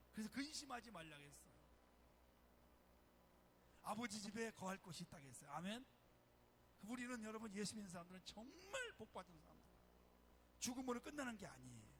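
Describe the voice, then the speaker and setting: Lively high-pitched preacher man. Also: a little hiss or hum. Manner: emphatic, calling out to the congregation. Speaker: pastor. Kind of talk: sermon. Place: church sanctuary.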